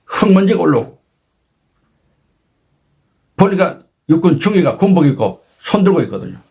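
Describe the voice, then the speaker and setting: Guy in his 60s, husky voice, kinda high, tells his story big and dramatic. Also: big pitch swings, moderate pace, darkish tone. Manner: dramatic, emphatic retelling with sudden pitch jumps. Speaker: channel host telling a personal story. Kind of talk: animated storytelling talk.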